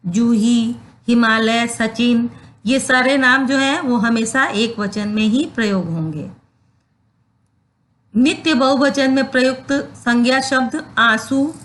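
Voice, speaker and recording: A woman's voice: on the high side, a bit bright. A woman teacher explaining a grammar lesson, saying each example word twice and spelling out the rules step by step. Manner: repeats each example word slowly and deliberately.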